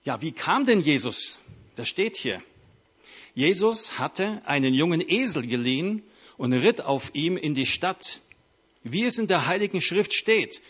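A man's voice: a little high, big pitch swings, measured pace, a bit bright, breathy edge. A man preaching a sermon, telling the story vividly and asking the audience questions.

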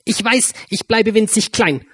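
A man voicing a tiny, timid female mouse who speaks in a squeaky, hesitant, stammering way. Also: unhurried, bright, forceful tone, husky, no room sound, exaggerated voice. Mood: hopeful.

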